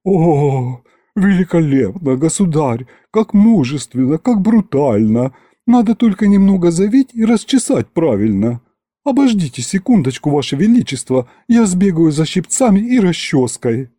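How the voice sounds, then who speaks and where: A man's voice: on the high side, big pitch swings, normal speed, mellow, dry recording, studio quality, voice pushed up. A man voicing a theatrical, fawning court butler in an audiobook. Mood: gushing. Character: gushing flamboyant male court butler. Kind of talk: audiobook character voice.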